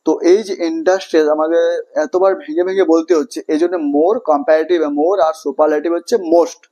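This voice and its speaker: Bengali male teacher, high voice, repeats himself, keeps checking the class follows. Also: steady tone, quick pace, mellow. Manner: repetitive, checks understanding often, asks and answers own questions. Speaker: English teacher. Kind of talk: classroom grammar lesson.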